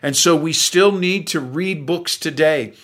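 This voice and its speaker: A man's voice: on the high side, measured pace, fairly bright tone. A pastor in his sixties preaching a sermon in an earnest, folksy way, speaking straight to the men in the room.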